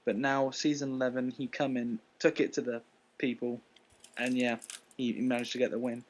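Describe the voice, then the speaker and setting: A man's voice: medium pitch, level tone, normal speed, rough recording. A man as a guest presenter, reading racing news in a casual chat.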